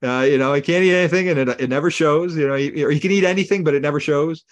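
A man co-hosting a podcast, retelling old comedy sketches in an animated way and acting out lines with gasps and laughs. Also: on the high side, racing. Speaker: podcast co-host. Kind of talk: casual chat recapping old comedy sketches.

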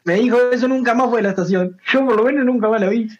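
Un hombre de San José, Uruguay, con acento uruguayo, invitado de una charla, que cuenta anécdotas de forma relajada y con mucha jerga. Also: male voice, very high-pitched, fast talker, dull audio. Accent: Uruguayan Spanish. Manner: relaxed storyteller, slangy, repeats phrases. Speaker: guest, singer and streamer. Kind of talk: casual chat, telling anecdotes.

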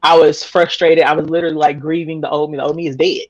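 A woman's voice: deep voice, little pitch movement, fast talker, dry recording, lo-fi sound. A woman in her thirties, a podcast guest telling her story candidly, rambling with many fillers and restarts and laughing often. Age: 30s.

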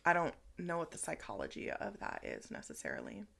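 Low-pitched and creaky, she talks briskly while co-hosting a laid-back podcast. She's a woman in her thirties who fills her chat with lots of fillers and sometimes sinks nearly to a whisper.

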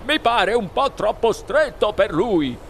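A man's voice: high-pitched, big pitch swings, slow pace, creaky, a bit bright, a little hiss or hum, voice pushed up, full character voice. A male reader voicing a blunt, grumbling father who protests in a storybook reading.

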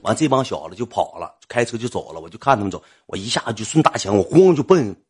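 A man with a Northeastern Chinese accent telling a comic story in a rambling, colloquial, animated way. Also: fairly low pitch, fast talker, husky, faint music behind.

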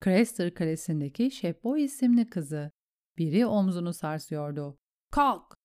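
A woman narrating a fantasy story in a steady, measured way. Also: on the low side, smooth. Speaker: audiobook narrator. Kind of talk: scripted narration.

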